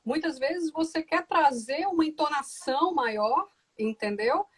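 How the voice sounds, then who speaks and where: Answering an interviewer thoughtfully and with measured care, this lawyer and law professor frequently ends her phrases with "né?". She speaks in a high-pitched voice with lively intonation.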